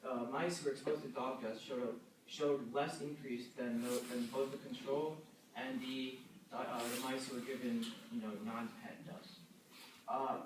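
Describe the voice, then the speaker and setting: A man presenting a journal article to a class, talking haltingly with many fillers and restarts. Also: mid-range voice. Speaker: student presenter. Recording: echoey room, distant mic, noisy.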